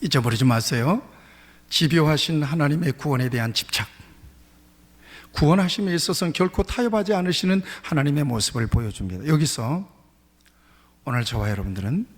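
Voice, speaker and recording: A male pastor preaching a sermon in a church sanctuary, emphatic, often repeating his key phrases. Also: on the high side. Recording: reverberant church hall.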